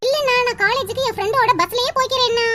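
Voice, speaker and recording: A woman's voice: very high-pitched, quick pace. A woman voicing a generous young girl in a cartoon, giggly and pleading. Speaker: cartoon voice actor. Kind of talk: Tamil cartoon dubbing. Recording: loud background hiss.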